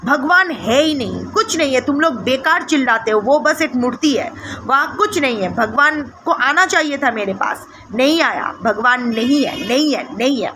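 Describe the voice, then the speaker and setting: A woman voicing an angry old man, a stubborn devotee who shouts in indignation. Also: high voice, expressive, normal speed, background noise. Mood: furious.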